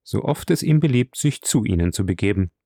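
A narrator gives voice to a sincere young officer who speaks plainly and earnestly. His voice is low and gravelly, recorded dry and close, audiobook style. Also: lively intonation, a little fast, warm tone, dry recording. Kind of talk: audiobook reading.

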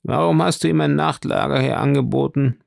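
A greedy, fearful innkeeper's wife with a shrill, trembling voice, as a male audiobook reader puts her on. Under the raised pitch a heavy gravelly rasp still shows. The sound is close and dry. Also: fairly even intonation, fairly quick, no room sound. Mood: anxious. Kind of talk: audiobook reading.

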